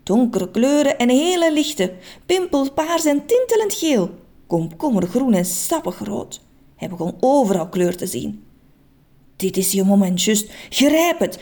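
A woman narrating a children's story in an expressive, playful, suspenseful way. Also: high voice.

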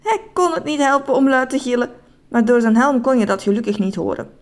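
A woman reading a children's story aloud in an expressive, animated way. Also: on the high side, brisk.

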